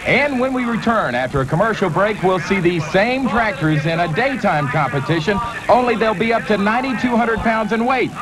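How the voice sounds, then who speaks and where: Guy doing tractor pull announcer commentary, pretty high voice, music and motors behind him. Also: low-quality recording.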